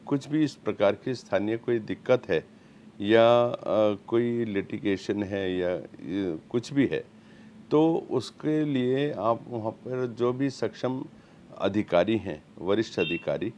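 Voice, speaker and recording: Slow deep-ish guy on a news panel, lots of umms and pauses, faint hum behind. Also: darkish tone. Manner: slow, hesitant, many fillers. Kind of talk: panel debate statement.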